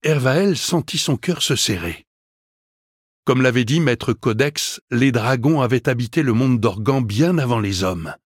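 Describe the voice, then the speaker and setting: Husky male storybook narrator. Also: medium pitch, dry recording, studio quality. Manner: measured, expressive storytelling. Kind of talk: scripted audiobook narration.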